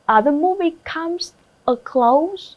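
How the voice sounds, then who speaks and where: A woman's voice: very high voice, expressive, takes it slowly, muffled recording. A woman from Vietnam teaching an online English exam review, who asks the class questions and repeats each word for her students.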